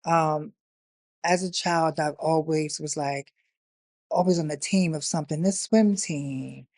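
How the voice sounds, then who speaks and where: A woman from Newark, New Jersey, a guest sharing her life story in a reflective, halting way. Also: deep voice, steady tone, darkish tone, no echo, studio quality. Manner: reflective, halting, with frequent fillers. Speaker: interview guest. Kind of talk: candid personal storytelling.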